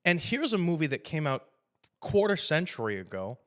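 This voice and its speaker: A man hosting a podcast, chatting casually about a film in a rambling, profane, animated way and laughing often. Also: on the high side, normal speed. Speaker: podcast host.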